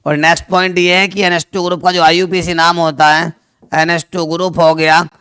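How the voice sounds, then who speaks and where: A man teaches chemistry online in a loud, projecting voice that sits a little high and comes across smooth and crisp. He keeps calling his students dear children, throws questions at them and answers them himself, mixing two languages. The sound is dry, with no room echo. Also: flat delivery, a little fast.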